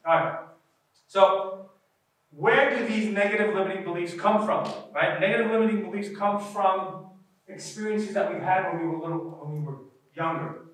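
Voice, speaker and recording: A man's voice: high voice, normal speed, a bit bright. A man presenting a live workshop in a conversational way, often checking in with his audience. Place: workshop room. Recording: very echoey room, from a distance.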